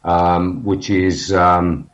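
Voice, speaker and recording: A man with a deep voice, suffering from a head cold, speaks flatly in a casual podcast conversation. He hesitates, restarts often, leans on fillers, and loses his train of thought, all in dull lo-fi sound.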